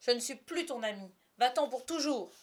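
A woman reading aloud and voicing a proud, commanding young boy who is quick to anger. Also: on the high side, fairly even intonation, voice pushed up, natural voice. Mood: stern. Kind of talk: storybook character voice.

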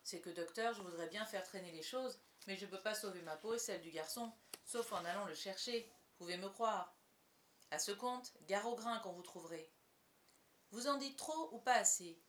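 A woman voicing a cunning, gruff middle-aged pirate cook who talks loud and slangy. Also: mid-range voice, moderate pace, reverberant, a little hiss or hum, natural voice. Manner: loud, blustering, slangy speech.

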